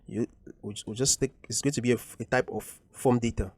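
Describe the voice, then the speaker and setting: Guy teaching code over his screen, mid pitch, explains things twice, lots of ums, dry sound. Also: fairly even intonation, a little fast, darkish tone, no echo. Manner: explains patiently, repeating points with frequent ums. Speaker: coding tutorial instructor. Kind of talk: screen-recorded coding walkthrough.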